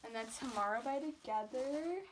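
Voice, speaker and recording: A young woman vlogging casually and gushing with excitement as she unboxes albums. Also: sits high, moderate pace, distant mic, background noise. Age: young adult. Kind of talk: casual vlog narration.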